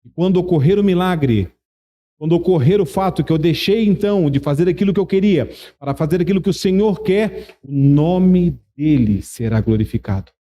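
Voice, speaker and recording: A man's voice: a little high, expressive, moderate pace, dark tone. A man preaching a sermon, emphatic and repetitive, asking the congregation rhetorical questions. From Brazil. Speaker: pastor.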